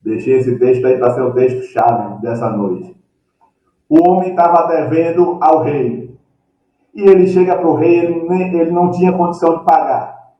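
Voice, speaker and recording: A man's voice: on the high side, fairly even intonation, moderate pace, mellow. A man preaching a live sermon, telling the story with animation, acting out voices and chuckling. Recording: echoey room, distant dull mic.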